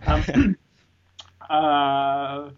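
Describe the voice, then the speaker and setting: A man's voice: on the high side, fairly even intonation, extremely slow, a little hiss or hum. A man, a guest voice actor chatting casually in an interview, jokey and rambling, laughing often. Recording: lo-fi internet call audio.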